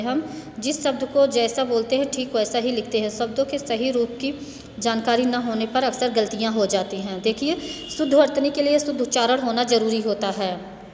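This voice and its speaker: A woman teacher takes young children through a grammar lesson, saying each word twice in a patient, steady way. Her voice sits a little high. The recording rings with a long room reverb over faint background noise. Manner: patient, repeats words slowly for young pupils. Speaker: school teacher.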